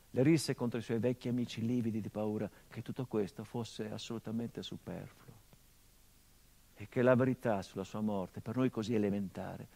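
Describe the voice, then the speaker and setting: Here a creaky, fairly low male voice belongs to a middle-aged actor voicing a murdered journalist's grieving son. The theatrical monologue, aired on radio, is bitter and brooding, shifting from quiet passages to impassioned outbursts.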